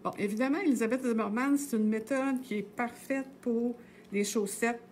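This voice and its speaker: A woman's voice: on the high side, normal speed, a little mellow, slight background noise. A middle-aged woman with a Québécois French accent, casually teaching knitting on a live stream. She talks in a chatty, meandering way, full of hesitations and tag words.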